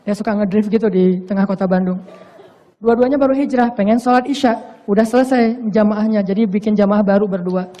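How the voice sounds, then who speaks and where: A man's voice: high voice, brisk, warm tone, lo-fi sound. A man giving a casual, humorous sermon in a playful, slangy way. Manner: playful, slangy, acts out quoted voices. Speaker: preacher.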